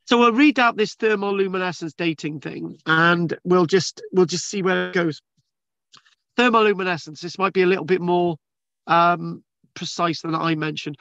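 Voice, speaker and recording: A channel host reads archaeology news articles aloud and discusses them in a rambling, casual way full of restarts and fillers, via a video call screen share. His voice is high and a bit bright, and the sound is lo-fi with no echo.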